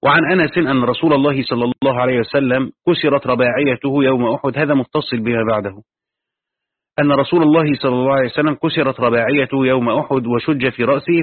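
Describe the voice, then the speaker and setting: A husky mid-range male voice reads a tafsir text aloud and follows it with personal explanations in a Quran commentary lesson. No room sound is audible, but the audio is tinny and lo-fi, like a phone call.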